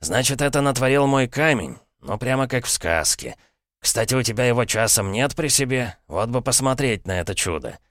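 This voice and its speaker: A man voicing a sly, pompous middle-aged uncle, smooth and mock-courteous, with an ironic tone. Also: medium pitch, expressive, moderate pace, fairly bright tone, no echo, studio quality, voice pushed up, close to an everyday voice. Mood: smug. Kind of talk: audiobook character voice.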